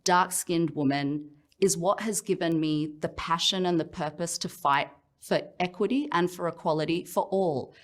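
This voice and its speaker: Woman, Australian accent, fairly low voice, reflective, personal, speaker sharing her own story. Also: moderate pace. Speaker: professional speaker. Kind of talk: personal motivational talk.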